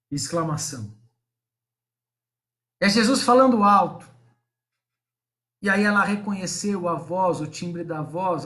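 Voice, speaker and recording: Male pastor, high voice, live-streamed sermon, talks straight to the viewers. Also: a bit bright. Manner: preaching, addresses viewers and congregation directly.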